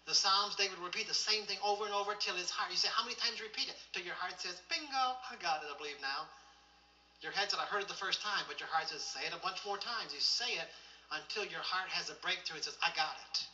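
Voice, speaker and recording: A man preaches a teaching session, drawing the congregation into repeated declarations and walking them through verses. His voice is high and piercingly bright. He is recorded from a distance in an echoey room, with a muffled, lo-fi quality. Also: fast talker. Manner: directs listeners to underline verses. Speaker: pastor. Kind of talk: church teaching with call-and-response. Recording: echoey, distant, dull lo-fi sound.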